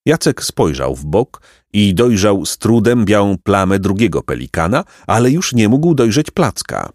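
Lively, expressive male storybook narrator. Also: on the low side, normal speed, dry recording, clean studio sound. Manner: expressive, lyrical reading. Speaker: audiobook narrator.

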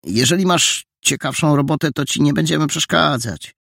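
A man voicing a timid, soft-hearted boy detective who talks hesitantly, sometimes near a whisper. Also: a little high, moderate pace, vocal fry, no room sound, clean studio sound, pitched above the performer's own voice. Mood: earnest. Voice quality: hesitant, half-whispered at times.

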